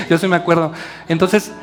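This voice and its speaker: A middle-aged man preaching a sermon to a church youth service in a Mexican Spanish accent, talking in a conversational, animated way with asides to the young people. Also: fairly high pitch, a little slow.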